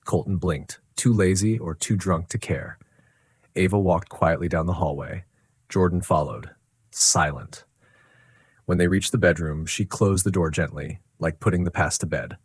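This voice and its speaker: A male storyteller with a very deep, husky voice reads a dramatic story in a slow, measured way. The sound is dry and close, with no room around it. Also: no echo. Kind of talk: scripted story narration.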